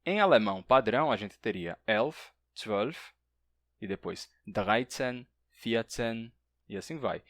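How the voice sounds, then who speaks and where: A man explains language topics in an educational video, slowing down to pronounce example words and listing numbers in a falling voice. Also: lowish voice, expressive, a bit bright, no echo. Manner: explanatory, drawn-out slow example words, lists numbers in a dropping voice.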